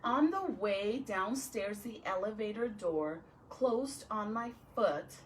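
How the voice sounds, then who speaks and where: A woman teacher reading a picture book aloud to children in an expressive, deliberate way, with chatty asides to her listeners. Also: medium pitch, a little hiss or hum. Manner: animated, deliberate, dramatic phrasing with drawn-out words.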